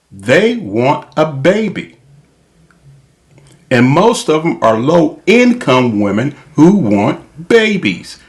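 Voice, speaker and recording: Slow, emphatic male commentator. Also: on the high side. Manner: emphatic, repetitive, slow deliberate delivery. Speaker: commentary channel host. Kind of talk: opinion commentary monologue.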